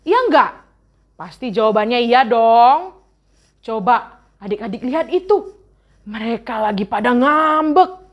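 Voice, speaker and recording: High-voiced woman telling kids a Bible story. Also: measured pace, pauses often. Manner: animated, exaggerated voices and exclamations for kids. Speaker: Sunday school teacher. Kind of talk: storytelling Bible lesson for children. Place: church online children's service.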